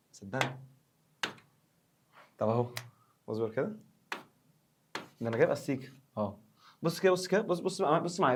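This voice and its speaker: A man with an Egyptian Arabic accent teaches a recorded science revision lesson at a brisk clip. He jokes with the viewer, fires off quick check-in questions and slows right down whenever he reads English text aloud. His voice sits a little high for a man. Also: husky. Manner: playful, joking, quizzes the viewer with quick questions.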